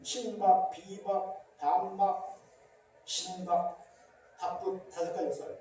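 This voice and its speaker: A middle-aged Korean pastor preaching a sermon with emphatic rhetorical questions, recorded in a large church hall. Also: male voice, sits high, fairly even intonation, takes it slowly, dark tone, a little hiss or hum. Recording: very echoey church hall, distant mic.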